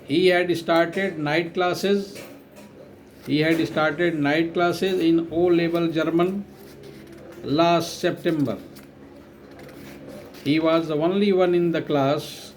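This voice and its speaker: A man's voice: a little high, fairly even intonation, slow, pauses often, a little hiss or hum, low-quality recording. A male teacher giving a dictation lesson, repeating each phrase and spelling words out letter by letter.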